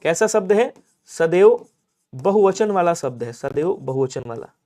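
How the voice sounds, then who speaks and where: A man teaching Hindi grammar in a live online exam-prep class, coaxing and repeating points and pressing viewers to answer quickly. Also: high-pitched, expressive, dark tone.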